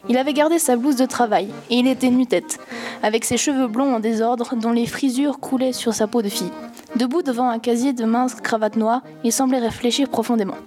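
Brief: woman reader, measured and calm, mellow high voice, faint music behind. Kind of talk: reading a novel aloud with commentary.

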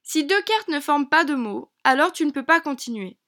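A woman teacher narrating a lesson for young children in an encouraging, clear way, slowing down on key words. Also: high voice, expressive. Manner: bright, encouraging, speaks slowly to a child.

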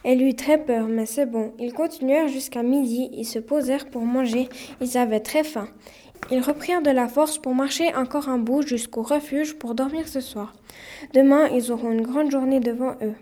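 A woman reads a story aloud with a steady, plain delivery. Her voice is high and mellow, with little edge to it. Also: moderate pace. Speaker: narrator.

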